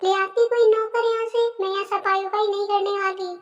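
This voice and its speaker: A woman voicing a spoiled young daughter-in-law from the city in a cartoon, talking quietly and defiantly. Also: very high-pitched, flat delivery, moderate pace, dull audio, over music.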